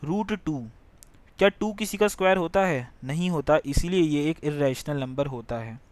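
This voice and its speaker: A man's voice: a little high, normal speed, no echo. A young man teaching a math lesson, explaining step by step in a mix and checking that students follow. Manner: explains step by step, often asks if it is clear.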